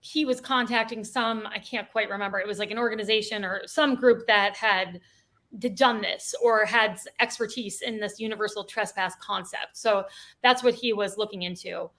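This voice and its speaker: A woman's voice: medium pitch, fairly even intonation, normal speed, fairly bright tone. A woman co-hosting a local-politics podcast, talking casually with frequent "like" and trailing "I don't know.". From United States. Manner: chatty, lots of "like" and "I don't know". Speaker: podcast co-host.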